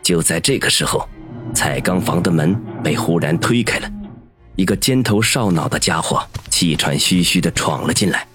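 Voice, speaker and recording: Very deep-voiced male narrator. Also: lively intonation, moderate pace, fairly bright tone, faint music behind. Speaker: audiobook narrator. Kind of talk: scripted narration.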